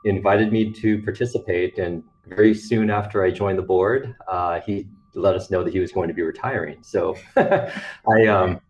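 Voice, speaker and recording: A man from California, a guest on a video call from his office, speaking in a measured way with many pauses. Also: low-pitched, darkish tone, slight background noise. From Fresno, California. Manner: measured, many ums and you knows. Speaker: interview guest, hospital president. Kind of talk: casual interview.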